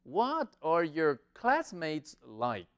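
A man runs an online English lesson for Spanish speakers, his voice smooth and clear with a fairly high, lively pitch that swings up and down. He drills each new word, stretching the English phrases out slowly so learners can repeat them. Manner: slow, drawn-out English model sentences between quick Spanish explanations. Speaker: English teacher.

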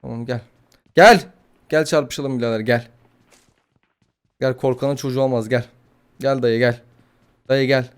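A man giving casual, excitable gameplay commentary, swearing, joking and trash-talking his opponents. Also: medium pitch, a little slow, long pauses, smooth. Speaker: gaming YouTuber.

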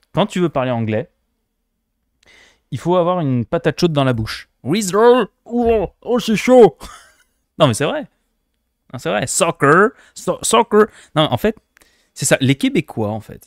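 A man from France commenting casually on a game he is streaming, playful and quick to laugh. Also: on the high side, no echo, clean studio sound. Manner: playful, laughing, mimics accents.

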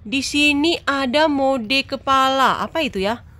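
Woman game host for a let's-play: high voice, bright tone, excitable and chatty, talks right to the audience. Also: unhurried, dry recording. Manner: excitable, talks straight to viewers, laughs often. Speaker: gaming channel host. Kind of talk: casual let's-play commentary.

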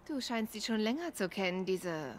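A woman's voice: mid-range voice, big pitch swings, normal speed, a little hiss or hum, close to an everyday voice. Woman doing young guarded huntress in a game, mid voice, matter-of-fact. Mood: guarded, curious. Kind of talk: naturalistic video game acting.

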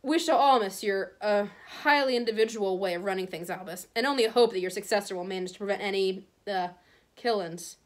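A woman voicing a haughty aristocratic male villain in a storybook, smooth, condescending and falsely polite. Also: medium pitch, a little fast, natural voice. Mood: mocking. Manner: oily politeness, condescending drawl.

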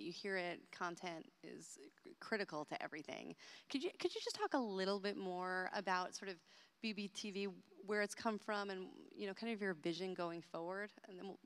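A woman's voice: fairly low pitch, a bit bright, clean tone. A woman reporter interviewing a guest on a theatre stage with a handheld microphone, asking questions with small restarts.

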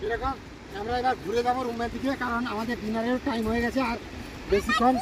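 A man with a very high voice talks into his phone for a casual family travel vlog. He chats and teases his relatives and now and then sings a line. Other people keep talking around him. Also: flat delivery, fast, a crowd in the background. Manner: chatty, teasing family members, bursts of singing. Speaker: vlogger. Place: outdoors on a beach at night, then at a dinner table.

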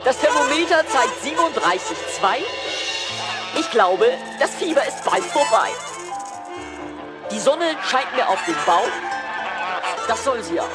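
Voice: high-pitched, sing-song, measured pace, long pauses. A singer performing a cheerful old grandmother with a cold who shrugs it off and wants to dance, in a rock musical record. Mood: carefree. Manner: chatty, carefree patter song. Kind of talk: sung rock-musical song. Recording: studio record with loud band music.

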